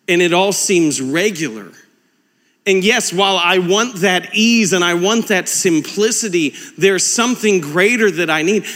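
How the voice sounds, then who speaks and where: A man in his thirties preaching a sermon, impassioned and animated, mixing humorous stories with urgent exhortation. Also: sits high. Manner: impassioned, building to fervent exhortation. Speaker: pastor. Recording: long reverb with faint music.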